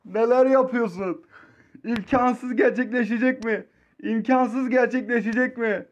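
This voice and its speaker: A high-voiced young man from Turkey calls his own mobile football match live, dropping to low grumbles and then bursting into shouts. The sound is muffled and lo-fi. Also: unhurried. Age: 20s. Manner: excitable, swings between low muttering and shouting.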